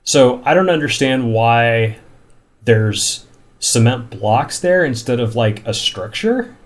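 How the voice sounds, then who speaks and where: A man's voice: medium pitch, lively intonation, slow. A man recapping a TV episode in casual chat, incredulous and given to long run-on stretches of plot. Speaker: podcast host recapping a TV episode.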